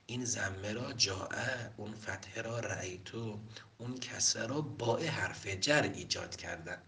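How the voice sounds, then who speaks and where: A man giving a grammar lecture, reading short lines and then breaking them down patiently one step at a time. His voice sits low, and he sounds a little distant from the microphone. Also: pushed and bright. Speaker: Arabic grammar teacher. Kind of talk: classroom lecture.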